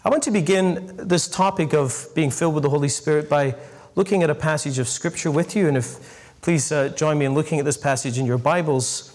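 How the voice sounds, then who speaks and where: Storytelling priest preaching to a crowd. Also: male voice, on the high side. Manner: storytelling, lively and emphatic, slows for key phrases. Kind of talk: sermon to a live audience.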